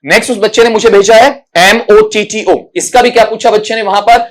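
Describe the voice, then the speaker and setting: Guy teaching english for exam prep, kinda high voice, patient, repeats sounds one by one, keeps saying beta. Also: fairly even intonation, a little fast. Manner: patient, explanatory, calls students "beta", frequent "thik hai" check-ins. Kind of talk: recorded exam-prep lesson.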